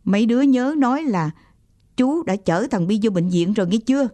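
A woman voicing a stern fisherman father who speaks brusquely, nearly shouting in his hurry. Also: on the high side, lively intonation, normal speed, lightly acted. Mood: commanding.

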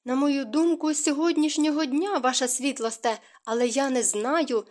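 A woman's voice: high voice, steady tone, normal speed, voice pushed up, natural voice. A woman voicing a frightened young housemaid in an audiobook, timid and hesitant. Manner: timid, stammering.

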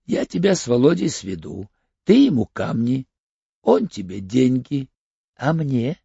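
A man voicing Fomin, a sly, wary older male crook who haggles in a cagey, hoarse voice, in an audiobook. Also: medium pitch, very animated, measured pace, dark tone, no echo, lo-fi sound, full character voice. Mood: cagey, bargaining.

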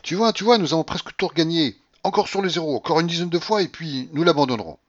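A man's voice: fast talker, no room sound, lightly acted. A man reading an audiobook voices an impatient old grandmother who gambles at roulette. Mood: excited. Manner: commanding, impatient, shrill outbursts. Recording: muffled lo-fi recording.

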